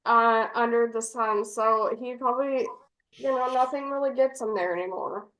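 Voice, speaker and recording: A woman's voice: a little high, steady tone, normal speed, a bit bright. Frank woman in an echoey room. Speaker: sports podcast co-host. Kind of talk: casual chat.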